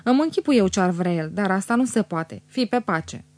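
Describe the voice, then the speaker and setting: A woman's voice: medium pitch, animated, darkish tone, no echo, natural voice. Woman voicing a chatty, teasing young woman.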